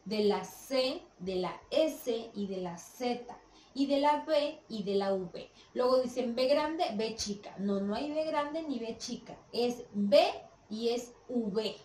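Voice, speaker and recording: Slow-speaking Mexican woman teacher, echoey. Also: on the high side, darkish tone, slight background noise. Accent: Mexican Spanish. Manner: checks understanding with frequent "¿sí?" and "¿sale?". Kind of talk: classroom lesson. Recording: echoey room from a distance with faint background.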